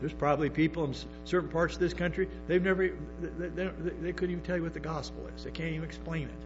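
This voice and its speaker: In a steady, slightly high voice and at a quick pace, a male pastor preaches to the congregation, stumbling through restarts and adding emphatic asides. The sermon recording is dull and lo-fi, with hum and music.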